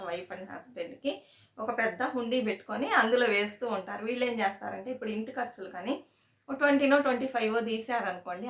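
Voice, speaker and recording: A woman's voice: medium pitch, fairly bright tone. Chatty woman in an echoey room. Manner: chatty, repeats "సరేనా?" to check in with viewers; storytelling, retells anecdotes with quoted dialogue. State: sweating in summer heat. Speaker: savings channel host. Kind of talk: casual chat to camera.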